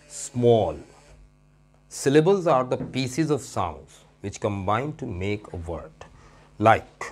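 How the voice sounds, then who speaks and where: A male English teacher giving a classroom grammar lesson. He stretches out example words and repeats them, and he keeps checking that his students follow. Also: medium pitch. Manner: addresses students warmly as "son" and checks understanding with "okay?".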